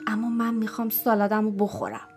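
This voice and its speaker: A woman voicing a stubborn little girl in a storybook, who chants her loud, defiant refusals. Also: medium pitch, steady tone, soft background music, lightly acted. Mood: insistent.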